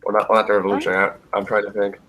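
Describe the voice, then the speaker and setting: A man's voice: lowish voice, monotone, racing, a bit bright, a little hiss or hum, rough recording. A man on a political podcast panel, thinking aloud in a hesitant, casual way.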